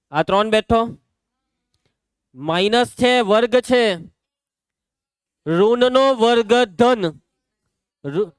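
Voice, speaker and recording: Gujarati male teacher, high and smooth, brisk and teasing with students, dry close mic. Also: no room sound. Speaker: maths teacher. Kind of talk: classroom lesson.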